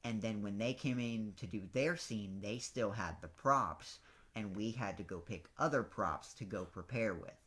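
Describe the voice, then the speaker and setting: A man's voice: lowish voice, moderate pace, a bit bright. Chatty man explaining step by step. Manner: explains step by step, restarts often. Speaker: podcast co-host. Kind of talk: casual storytelling chat.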